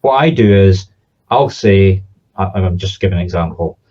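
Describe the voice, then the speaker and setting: Male, Southern Scottish accent, low and relaxed, informal explainer-teacher, slightly muffled sound. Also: moderate pace, slightly rough. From Scotland. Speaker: spiritualist medium and teacher.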